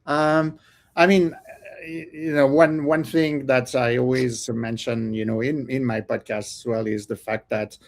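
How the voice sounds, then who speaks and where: A man from France with a French accent, a cookbook author chatting as a guest on a podcast, pausing often with fillers and restarts. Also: mid-range voice, steady tone, vocal fry. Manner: hesitant, many fillers and restarts, laughs often. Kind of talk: casual interview chat.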